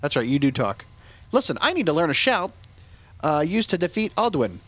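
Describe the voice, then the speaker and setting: A man doing casual let's play commentary, sarcastic and quick with a joke, swearing offhandedly. His voice sits a little high and swings around a lot in pitch. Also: sing-song, a bit bright.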